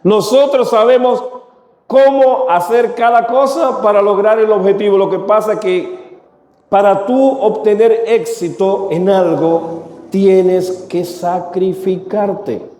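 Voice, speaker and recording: High-voiced preacher in an echoey hall. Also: male voice, fairly even intonation, slow, mellow. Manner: rhetorical questions to the congregation. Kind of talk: sermon. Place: church.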